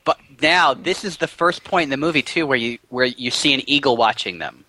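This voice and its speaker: A man co-hosting a casual movie podcast, explaining scenes with quick restarts. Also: mid-range voice, sharp tone, dry recording, poor audio. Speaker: podcast co-host.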